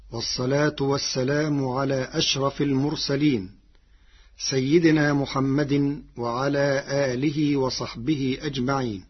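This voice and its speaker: A man explaining variant Quran readings in formal, measured speech, chanting each quoted verse slowly, from a dull lo-fi radio broadcast. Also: mid-range voice, slightly rough. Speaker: Quran recitation teacher. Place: radio studio.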